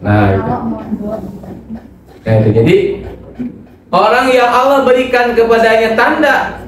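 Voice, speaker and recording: A man preaching a religious study talk in an animated way, acting out voices as he goes. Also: a little high, a little hiss or hum. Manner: animated, acts out quoted voices. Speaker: Islamic preacher. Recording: echoey hall from far off.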